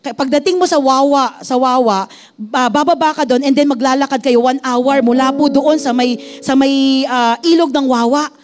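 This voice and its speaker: A woman's voice: sits high, normal speed. A woman pastor with a Filipino accent, preaching a sermon and telling a personal testimony, mixing Tagalog and English and acting out the voices she quotes.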